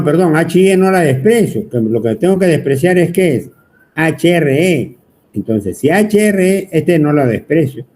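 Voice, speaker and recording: Warm in tone and fairly high in pitch, a man with a Peruvian Spanish accent gives a whiteboard lecture on electronics. He's talkative and teasing, going on at length and constantly putting questions to his students.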